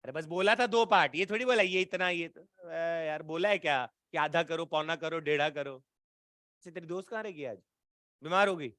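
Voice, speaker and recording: A man from Bihar teaching physics to a live class, with a high, bright voice. He teases and quizzes the students constantly in a chatty way. The sound is close and dry. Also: moderate pace, no room sound. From Bihar, India.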